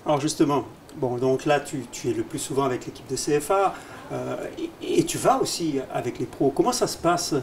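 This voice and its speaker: A man's voice: medium pitch, brisk, hardly any pauses, slight background noise. A man interviewing a guest in a casual, familiar way. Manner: friendly, familiar questioning.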